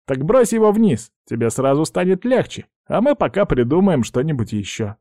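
A man's voice: on the high side, very animated, moderate pace, mellow, no room sound, clean studio sound, pitched above the performer's own voice. Brash storybook pirate, read by the male narrator; commanding, a little raised. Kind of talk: audiobook reading.

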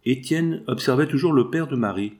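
A man narrating a nineteenth-century novel as an audiobook, in an even literary storytelling manner. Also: medium pitch, a little fast. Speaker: audiobook reader.

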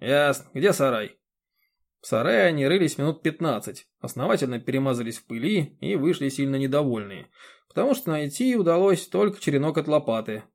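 A man's voice: on the high side, very animated, fast, gravelly, darkish tone. Man narrating an audiobook steadily. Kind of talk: scripted narration.

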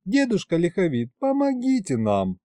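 A man's voice: sits high, wildly swooping pitch, normal speed, dark tone, no room sound, pitched above the performer's own voice. A man voicing a young woman who coaxes sweetly, in an audiobook reading. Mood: coaxing. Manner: coaxing.

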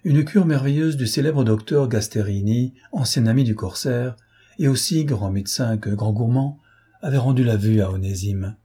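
A male audiobook narrator reads a classic novel in a measured, literary way. His voice is dark and mellow with a strong husky rasp, set at a middle pitch.

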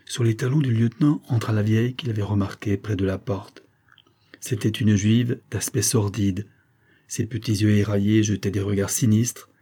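Brief: low, dark-toned male narrator, husky, measured audiobook storytelling. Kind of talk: scripted narration of a classic short story.

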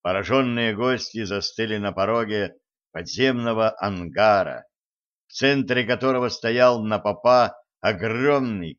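A man narrating an audiobook in a measured, unhurried reading. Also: medium pitch, a bit bright, lo-fi sound. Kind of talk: audiobook narration of science fiction.

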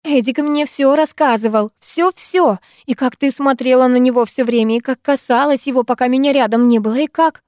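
A woman reading an audiobook aloud, voicing an angry, heartbroken older sister who shouts sarcastic accusations. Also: sits high, moderate pace, hardly any pauses, no echo, clean studio sound, natural voice. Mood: accusing.

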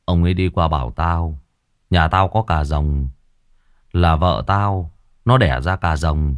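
A man's voice: low-pitched, slow, smooth, no room sound, studio quality. A male storyteller voicing a frightened, superstitious village man who talks earnestly and insists. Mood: fearful.

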